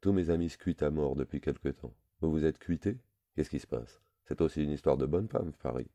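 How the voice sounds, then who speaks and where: A man's voice: rumbling low, fairly quick, vocal fry, warm tone, no echo. A man voicing a sly, brash shady lawyer who teases and needles the other man. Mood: teasing. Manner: brash, teasing.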